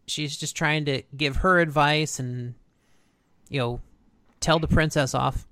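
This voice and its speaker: A podcast co-host recapping an episode in casual, informal and animated storytelling. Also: mid-range voice, a little slow, dry recording.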